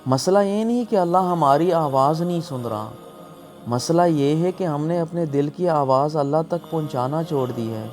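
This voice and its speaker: A man's voice: fairly high pitch, a little mellow. A man delivering a scripted, emotional sermon in an earnest, pleading way. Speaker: preacher. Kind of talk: scripted religious sermon narration. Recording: music behind the voice.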